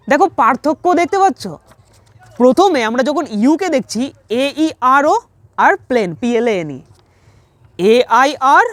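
A woman with a fairly high, very animated voice walks learners through English spellings, spelling out each word letter by letter. She is patient and encouraging, and the sound is close and dry. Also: no room sound. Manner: patient, encouraging, repeats words slowly. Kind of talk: online lesson, spelling aloud.

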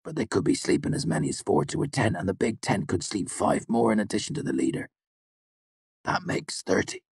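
A man voicing a nervous male mercenary archer in an audiobook, speaking high, strained and hushed. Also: very animated, fairly quick, gravelly, husky, no room sound, clean studio sound, exaggerated voice. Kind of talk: audiobook character voice.

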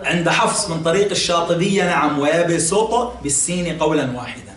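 A man teaching a classroom religious lesson, explaining patiently, quizzing listeners and pausing on fillers. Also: a little high, crowd noise. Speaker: sheikh teaching Quran exegesis. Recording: echoey room, mic at a distance, faint ambience.

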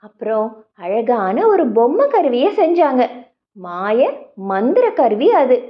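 A woman narrating a children's audiobook in an expressive storytelling manner, speaking straight to young listeners. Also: fairly high pitch, muffled recording. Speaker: audiobook reader.

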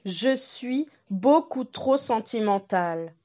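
A woman's voice: fairly high pitch, lively intonation, slow, mellow. A woman voicing a hungry but sentimental male wolf who muses and grumbles to himself. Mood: musing.

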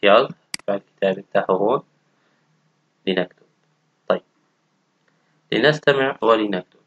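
A man's voice: fairly low pitch, vocal fry, fairly bright tone, breathy edge. A man, teaching a textbook language lesson and patiently repeating each word. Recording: dull, dry lo-fi audio.

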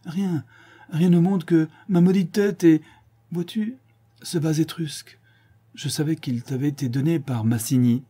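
A man's voice: fairly high pitch, lively intonation, normal speed, dark tone, slightly rough, voice pushed up. A man voicing an ardent, remorseful young lover in a storybook, pleading in a raised voice. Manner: pleading, emotional delivery.

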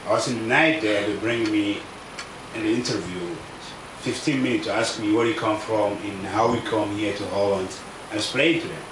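A South Sudanese refugee in his thirties, whose first language is a South Sudanese language, gives personal testimony at a public event in halting non-native English with a voice on the low side. He speaks under a tent canopy at a camp into a table microphone on a stand, and the sound is echoey and distant with background noise.

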